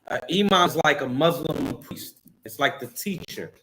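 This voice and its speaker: A man's voice: fairly high pitch, lively intonation, normal speed, background noise. A man hosting a religious commentary stream, preaching and mocking the clips he has his co-host play.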